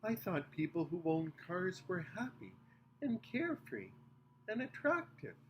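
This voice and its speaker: A man's voice: sits high, wildly swooping pitch, measured pace, highs cut off, slight background noise, pitched above the performer's own voice, full character voice. A man voicing a naive, wide-eyed young alien girl full of wonder.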